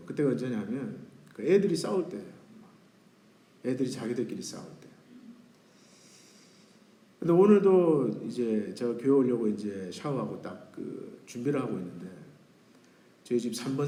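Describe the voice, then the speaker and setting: A man's voice: mid-range voice, mellow. A man in his forties, a pastor, preaching a sermon at a Wednesday service in a conversational way and putting questions to the congregation. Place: church sanctuary. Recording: roomy church echo.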